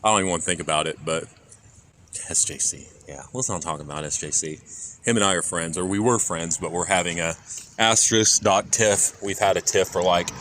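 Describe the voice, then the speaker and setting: A man's voice: deep voice, a little fast, fairly bright tone, low-quality recording. A man from Kansas rambling casually on a live stream, chatting to viewers and reading out chat as he talks, recorded on a phone outdoors near traffic. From Kansas, USA. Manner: rambling, jokey, reads chat aloud. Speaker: IRL streamer. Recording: phone recording with clear traffic noise outside.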